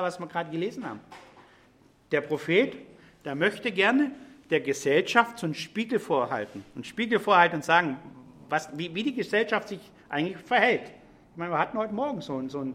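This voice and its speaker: A man's voice: sits high, bright, forceful tone. A middle-aged man preaching a sermon, explaining scripture in a conversational way and speaking directly to the congregation.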